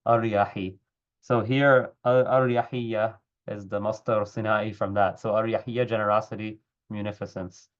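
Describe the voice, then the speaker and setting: A man's voice: on the low side, level tone, moderate pace. A man teaching an Arabic text over a video call, explaining word roots step by step, his volume rising and dropping unevenly as the connection cuts out. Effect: uneven volume from a cutting-out internet connection. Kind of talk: online class explaining a text. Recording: dull lo-fi online call audio.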